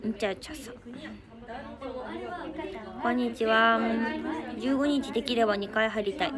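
A teenage idol girl hosts a casual livestream in a Kansai accent, her voice set fairly high for a young woman. She chats and thanks viewers one by one, light and friendly. A loud crowd of voices runs behind her. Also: normal speed. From Japan. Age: teens. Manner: chatty, thanks viewers often, giggles. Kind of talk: casual livestream chat reading comments.

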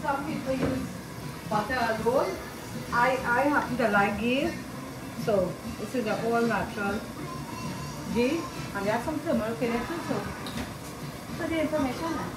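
A woman's voice: a little high, normal speed, long pauses, heavy background noise. A Trinidadian woman around sixty from southern Trinidad, chatting homely and repeating herself as she shows her cooking. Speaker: home cook. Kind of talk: casual cooking demonstration. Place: home kitchen. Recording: echoey kitchen with music behind.

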